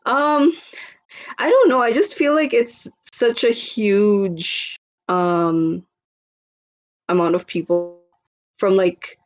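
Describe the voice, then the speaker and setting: A woman in her twenties from the Philippines guests on a podcast, chatting casually in a rambling, filler-heavy way and laughing easily. Her mid-range voice moves slowly with frequent pauses, and the audio is dull.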